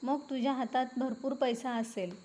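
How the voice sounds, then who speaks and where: A woman voicing a patient, apologetic young husband who coaxes softly. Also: sits high, fairly even intonation, moderate pace, lightly acted. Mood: coaxing. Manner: coaxing, soft-spoken pleading.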